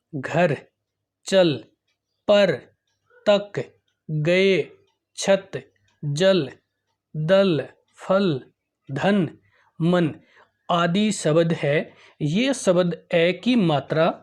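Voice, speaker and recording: A slow, deliberate teacher talking through the Hindi alphabet. The voice sits at a middle pitch and takes its time, stretching out each syllable and example word. The teacher speaks directly to parents and teachers about how to drill children. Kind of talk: explaining Hindi vowel signs.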